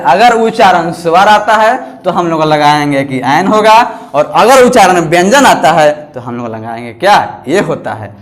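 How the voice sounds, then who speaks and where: A male teacher, speaking in a fairly high voice. He drags his words out slowly, repeating each phrase for students to copy down. He quizzes the class and answers his own questions. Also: fairly bright tone. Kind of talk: classroom lesson, dictating notes.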